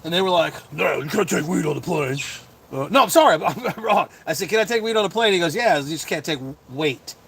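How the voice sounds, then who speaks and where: A middle-aged man hosting a casual livestream chat as a comedian, rambling with lots of fillers and quick chuckles. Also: fairly high pitch, animated, vocal fry, a bit bright, slightly rough. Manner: chuckling, full of fillers and restarts.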